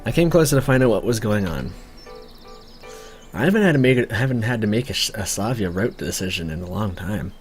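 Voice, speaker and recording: A man's voice: lowish voice, lively intonation, fairly quick, faint music behind. Man reading a visual novel aloud. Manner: reads narration, breaks off for chatty asides. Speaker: let's play gamer.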